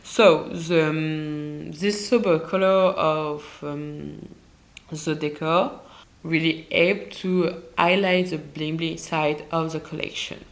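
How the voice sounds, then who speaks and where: Podcast host, woman, French accent, unhurried and hesitant delivery with some vocal fry. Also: low voice, steady tone, low-quality recording. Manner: halting, searches for English words, self-correcting. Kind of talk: casual solo podcast talk.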